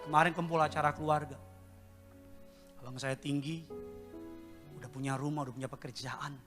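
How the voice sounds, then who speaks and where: A man in his fifties preaching a sermon at a live church service, swinging between loud, impassioned outbursts and hushed, slow stretches. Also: medium pitch. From Indonesia. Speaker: pastor. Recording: live church recording with long reverb and music behind.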